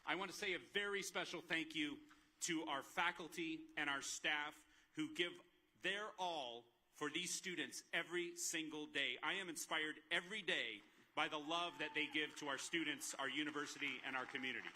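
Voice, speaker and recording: A man's voice: fairly high pitch, moderate pace, some chatter behind. A man, a university president, giving a commencement speech, earnest as he lists his thanks. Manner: earnest, listing thanks at a steady clip. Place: outdoor graduation ceremony over a PA.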